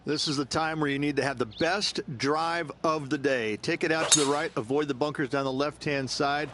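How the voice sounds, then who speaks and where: A man's voice: a little high, fairly even intonation, moderate pace, fairly bright tone, a little hiss or hum. A man working as a golf analyst, giving commentary that explains the course and the shots.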